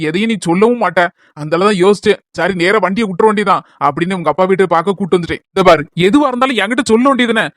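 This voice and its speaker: Teasing young husband, Kanyakumari Tamil accent, very high voice, rapid, dry close sound, voiced by a man. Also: a bit bright, dry recording. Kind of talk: cartoon voice acting.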